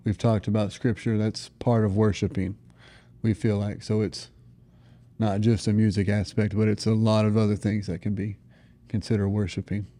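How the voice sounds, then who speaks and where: This fairly low, warm-toned voice belongs to an American man in his thirties giving casual, earnest testimony as a parent, with plenty of "you know." His delivery is flat and his speed normal.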